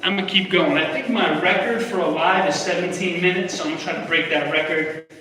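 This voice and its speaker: A young adult man livestreams a casual, step-by-step math lesson from a whiteboard room inside a public library, repeating himself as he explains. His high voice is brisk, bright, and forceful. A phone camera a step away picks him up in an echoey room, with slight background noise.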